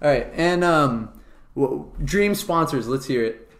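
Young man, podcast co-host, rapid casual chatter full of swearing and "dude", recorded in an echoey room. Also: a little high, animated. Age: young adult. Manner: fast-talking and profane, says "dude" a lot. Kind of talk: casual chat.

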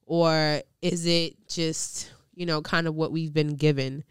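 Smooth-voiced young woman hosting a podcast. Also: low voice, fairly even intonation, unhurried, no echo, studio quality. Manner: candid, slangy, swears freely. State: congested. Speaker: podcast host. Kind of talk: casual podcast chat.

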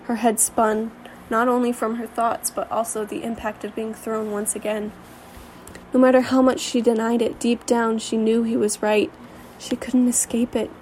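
A woman's voice: a little high, flat delivery, normal speed, darkish tone, slight background noise, low-quality recording. A woman reading a fantasy story aloud, with occasional slips and restarts. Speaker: reader. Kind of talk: storybook narration.

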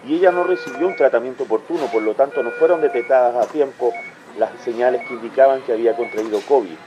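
A man's voice: mid-range voice, fast talker, dull audio, noisy background, close to an everyday voice. An actor playing a male hospital doctor who gives bad news by phone, firm, patient and formal, in a radio drama. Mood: solemn.

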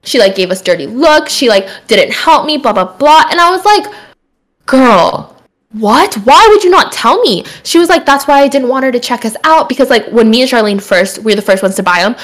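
A woman's voice: fairly high pitch, fast talker, few pauses. A young woman telling a long story in a casual chat, laughing often and acting out what people said. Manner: animated, laughs often, acts out quotes.

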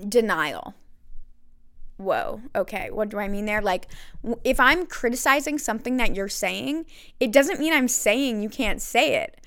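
A woman's voice: on the high side, fairly bright tone, smooth. A woman hosting a solo podcast, talking candidly in a conversational way with frequent fillers and restarts, and a self-described sarcastic streak. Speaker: podcast host.

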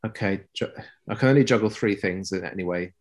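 A man chatting as a podcast guest, playful and self-deprecating, often pausing and restarting. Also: on the low side. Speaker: guest, weather presenter. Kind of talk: casual podcast chat.

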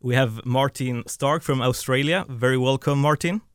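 A man's voice: medium pitch, moderate pace, background noise. A man hosting a panel, welcoming guests briefly and a little hesitantly. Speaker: host.

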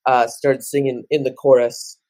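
A man in his late teens co-hosting a podcast, rambling through animated casual chat. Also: mid-range voice, moderate pace, no echo. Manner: rambling, animated, jumps into loud off-key singing. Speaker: podcast co-host.

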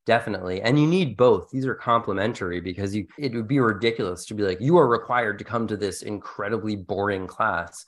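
Speaking briskly and with few pauses, a man with a lowish voice talks through concepts as co-host of an educational podcast. An instructional designer, he keeps it casual and slightly wry.

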